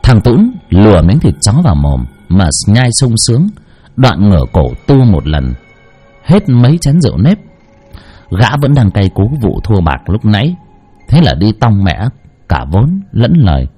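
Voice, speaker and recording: A man's voice: on the low side, wildly swooping pitch, a little slow, dark tone, slightly rough, faint music behind. A man telling a story in dramatic, colloquial scripted narration.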